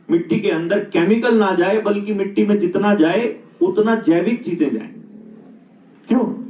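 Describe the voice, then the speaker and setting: A middle-aged man giving a reflective talk, telling stories and asking rhetorical questions. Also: sits high. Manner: storytelling, asks rhetorical questions. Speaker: speaker on natural living. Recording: roomy, distant, dull sound.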